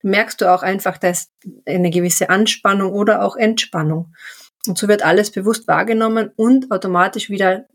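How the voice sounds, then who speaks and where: A woman co-hosting a podcast, talking calmly and reflectively about mindfulness in drawn-out, easy phrases. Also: mid-range voice. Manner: calm, reflective, drawn-out phrasing with many "ja" fillers. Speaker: podcast co-host. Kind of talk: casual podcast conversation on mindfulness.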